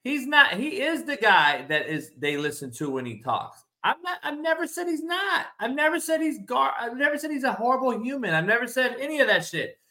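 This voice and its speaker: A man hosting a casual sports debate, loud, opinionated and ribbing, blunt and profane, repeating his points for emphasis. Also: extremely high pitch, very animated, fairly quick, few pauses. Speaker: sports talk show host.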